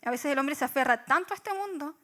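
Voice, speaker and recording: Young chilean woman giving a sermon, high voice, reflective, lots of rhetorical questions and ums. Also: lively intonation, quick pace, sharp tone. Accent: Chilean Spanish. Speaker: church speaker.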